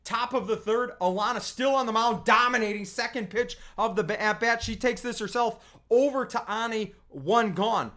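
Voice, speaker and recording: Softball coach doing highlight play-by-play, chatty, gets loud and hyped on big plays. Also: moderate pace. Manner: chatty asides and self-corrections. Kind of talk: highlight recap commentary over game video.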